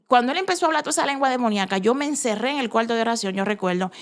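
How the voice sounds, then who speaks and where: A woman's voice: fairly high pitch, animated, racing. A woman, telling her personal faith testimony in an earnest, emphatic way, often restarting her sentences. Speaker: testimony giver.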